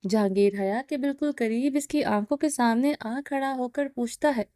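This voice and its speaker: Woman narrator, audio novel, high warm voice, dry close sound. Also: dry recording. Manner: steady storytelling. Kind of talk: reading a romance novel aloud.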